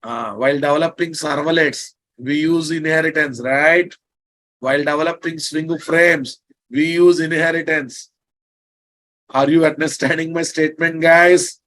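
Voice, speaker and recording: A man with an Indian accent gives a live online lesson in a fairly high voice. He takes it slowly, repeating key phrases and stopping to ask rhetorical questions. His way with learners is blunt and teasing. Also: fairly even intonation, fairly bright tone. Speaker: programming instructor.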